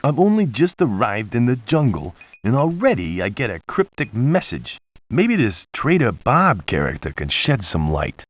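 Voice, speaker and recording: A man's voice: mid-range voice, huge pitch swings, moderate pace, no room sound. A man playing a laid-back, wisecracking adventurer pilot in a video game. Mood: wry.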